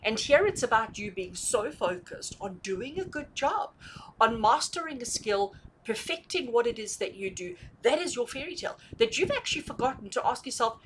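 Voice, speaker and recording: Speaking at a moderate pace, a female tarot reader gives an intuitive, conversational reading aimed at her viewers. Her fairly high voice is animated and emphatic as she restates ideas and keeps asking rhetorical questions. Sound quality is poor, and a little background noise can be heard.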